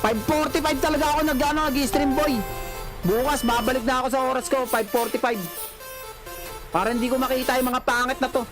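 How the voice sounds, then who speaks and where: A livestreamer with a high voice taunts the viewers, teasing and repeating jabs in a mocking rhythm. Loud music plays under the whole stream. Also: fairly even intonation, brisk. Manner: mocking, repetitive, teasing catchphrases. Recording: loud background music over voice.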